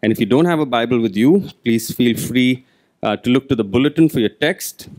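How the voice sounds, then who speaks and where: A man's voice: mid-range voice, brisk. A man, a pastor, preaching a conversational sermon and acting out the quotes he reads. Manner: conversational preaching, animated quoting.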